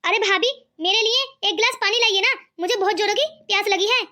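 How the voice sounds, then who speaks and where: A woman's voice: very high voice, brisk, sharp tone. A woman voicing a kind young man in a cartoon who pleads and teases lightly. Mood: pleading. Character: kind cheerful young man defending his sister-in-law.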